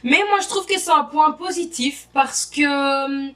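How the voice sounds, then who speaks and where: A woman's voice: sits high, a little slow. Chatty young woman, slightly distant. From Belgium. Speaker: exchange student vlogger. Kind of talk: casual vlog to camera. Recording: voice a bit distant from the mic.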